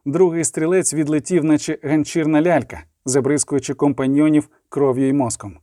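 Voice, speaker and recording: A man's voice: a little high, fairly even intonation, fairly quick, mellow, dry recording, clean studio sound. Man narrating a fantasy audiobook.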